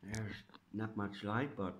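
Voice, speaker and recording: With noise in the background, a Dutch-accented man speaks slowly in a fairly low, even tone from inside his house. The orchid-grower vlogger sounds congested and a bit stuffy, and his casual update comes out hesitantly, with plenty of uh's.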